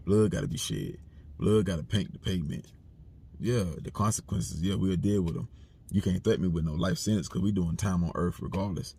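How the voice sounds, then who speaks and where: A man's voice: low voice, vocal fry, mellow, husky, no room sound. A man giving a blunt, repetitive, streetwise commentary monologue. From United States. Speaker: commentary channel host.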